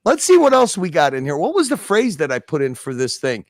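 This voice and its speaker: A man's voice: a little high, wildly swooping pitch, a little fast, dry recording, clean studio sound. A man hosting a live stream, rambling casually and chuckling as he reacts to old clips. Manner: chuckling, rambling, interrupts himself. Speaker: streamer host.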